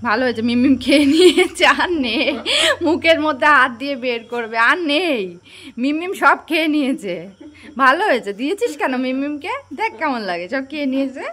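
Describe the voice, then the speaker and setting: A woman's voice: high-pitched, lively intonation, brisk, a bit bright. A woman vlogging at home with a sore throat from a cold, chatting and talking sing-song to her child. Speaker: vlogger and mother. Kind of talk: casual home vlog. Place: home, indoors.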